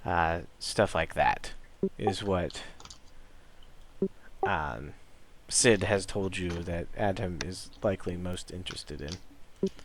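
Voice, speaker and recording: A young man running a tabletop game as game master, narrating in a rambling way with many pauses and restarts. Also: low voice, a little hiss or hum. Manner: rambling, full of ums and restarts.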